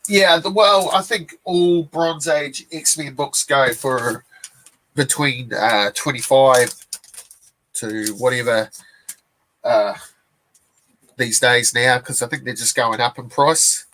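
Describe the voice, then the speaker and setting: On a live stream, a comic-collecting man in his forties with a New Zealand accent rambles at a slow pace, leaving long pauses. His voice is medium-pitched, with plenty of fillers and restarts. The audio is poor.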